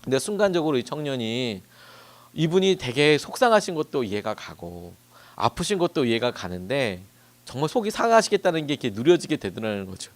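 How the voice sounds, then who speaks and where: A man's voice: mid-range voice, sing-song, a little fast. A man preaching a dawn-service sermon as a pastor, telling stories in a conversational way. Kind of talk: sermon at a dawn prayer meeting.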